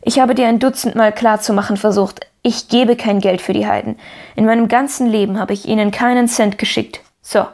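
Woman doing a lonely old gent in an audiobook, firm and stern, voice sits kinda high. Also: steady tone, a little fast, a little mellow. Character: lonely gruff older gentleman.

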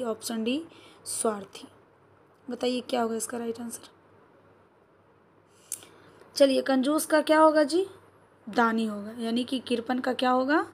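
A woman teacher with a Bihari Hindi accent goes through exam questions, asks her class questions and answers them herself, and keeps checking whether it is clear. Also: on the high side, a little hiss or hum.

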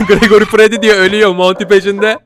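A man's voice: sits high, flat delivery, a little fast, a bit bright. A man hosting a video, giving joking reaction commentary and laughing often. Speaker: YouTube host.

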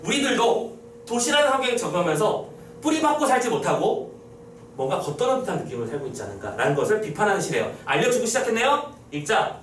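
A man's voice: high voice, big pitch swings, quick pace, a bit bright, slight background noise. A young man lecturing on a poem for exam prep, talking casually and teasing his students. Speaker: Korean literature lecturer. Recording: echoey room, mic at a distance.

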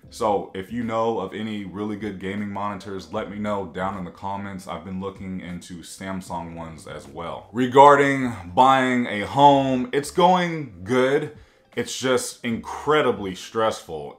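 A man in his thirties, a vlogger chatting casually to camera from his home office, gesturing a lot as he talks. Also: on the low side. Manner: animated, gestures a lot with both hands. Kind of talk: casual to-camera vlog chat.

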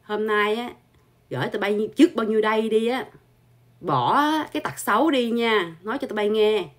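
A woman delivers a heated scolding monologue to her channel's viewers. Her voice is husky and sits at a middling pitch. She insults and lectures, piling on repeated filler particles as she goes. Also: moderate pace. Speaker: channel host.

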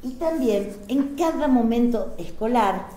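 A woman's voice: fairly high pitch, lively intonation, unhurried, mellow. Woman lecturing in an echoey hall. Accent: Argentine Spanish, Córdoba. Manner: conversational with frequent fillers and tag questions. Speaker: panel speaker on civic education. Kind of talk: lecture to teachers. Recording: echoey hall with faint ambience.

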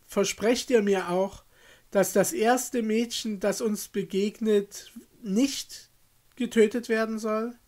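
A man's voice: high voice, fairly even intonation, slow, a little mellow. A man reading aloud and voicing Benjamin, the earnest youngest brother in a fairy tale, speaking with emphasis. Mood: teasing.

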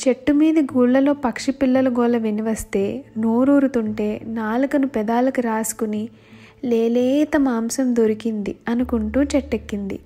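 A woman narrating a children's bedtime story in a measured, expressive way. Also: on the high side. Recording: faint background music.

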